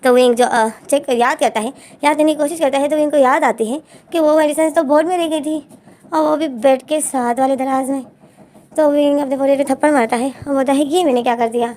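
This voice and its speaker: High-voiced woman retelling a story. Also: steady tone, brisk, a little mellow. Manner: chatty, with fillers and restarts. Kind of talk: fan-fiction story retelling.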